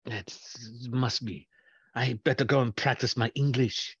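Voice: mid-range voice, steady tone, unhurried, breathy edge. A performer playing a timid, nervous young French intern in an improvised comedy sketch. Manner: timid, pleading. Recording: dull lo-fi sound.

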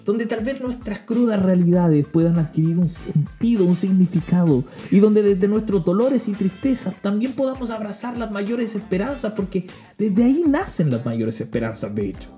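A man's voice: sits high, animated, normal speed, mellow, soft background music. A young Chilean man hosting a podcast, talking about faith in a joking, self-mocking way and mimicking other people's voices. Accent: Chilean Spanish. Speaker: podcast host. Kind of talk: humorous faith monologue.

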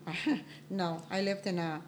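A woman in her sixties from Cuba, a podcast guest who talks in an animated, boastful way and keeps protesting. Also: fairly low pitch, measured pace, a little hiss or hum. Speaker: guest, host's mother. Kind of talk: casual podcast chat.

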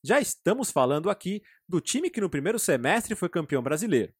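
A man's voice: high voice, sing-song, a little fast, husky, no echo, studio quality. A Brazilian man delivering scripted narration about football history as the show's host.

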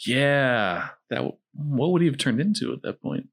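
A man with a medium-pitched voice hosts a film discussion. He talks casually and jokily, as in a conversation among friends. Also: big pitch swings, moderate pace. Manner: jokey, conversational. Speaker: podcast host.

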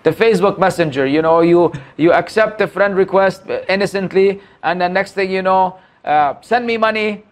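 A man in his forties with a noticeably high-pitched voice chats on a podcast. He talks candidly and pokes fun at himself, often restarting his sentences mid-thought. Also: moderate pace, hardly any pauses. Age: 40s. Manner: candid, self-deprecating, lots of restarts. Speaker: podcast guest, Islamic preacher. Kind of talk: casual podcast conversation.

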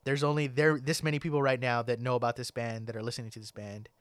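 A man's voice: mid-range voice, flat delivery, fast, no room sound. A young man hosting a podcast, chatting casually and rambling with lots of "like" and "man". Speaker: podcast host. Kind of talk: casual chat.

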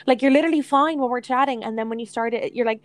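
A woman's voice: fairly high pitch, fast. A young Irish woman co-hosting a podcast in casual, conversational chat. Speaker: podcast co-host.

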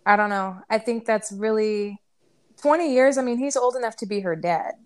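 A woman chatting casually on a podcast, blunt and animated, swearing freely. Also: mid-range voice, normal speed. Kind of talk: casual chat.

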